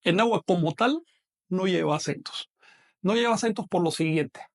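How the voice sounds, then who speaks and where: High-voiced man teaching a language class. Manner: measured, patient explaining, slows down to model pronunciation. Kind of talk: online lecture.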